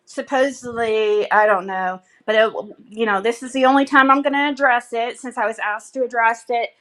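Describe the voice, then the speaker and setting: A woman's voice: fairly high pitch, fairly bright tone. A woman chatting casually and bluntly to viewers on a livestream, rambling in a gossipy, sweary way.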